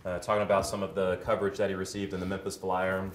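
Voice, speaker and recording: A man's voice: deep voice, level tone, fast. A man hosting an event Q&A, relaying audience questions to the guest in short paraphrases. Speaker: event host and moderator. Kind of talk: moderating an audience Q&A. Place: coworking space event. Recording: echoey room with faint noise.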